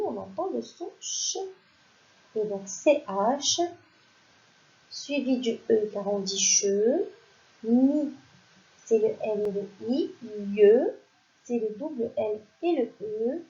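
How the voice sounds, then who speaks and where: Woman, primary teacher, slow spelling lesson, clear stretched syllables, higher voice, muffled lo-fi sound. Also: expressive, dark tone. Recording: dull lo-fi sound.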